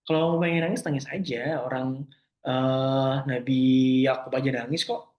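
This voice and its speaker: A young man answering listener questions in a casual talk, gentle and reassuring, often forgetting terms and restarting. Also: mid-range voice, little pitch movement, moderate pace, roomy sound.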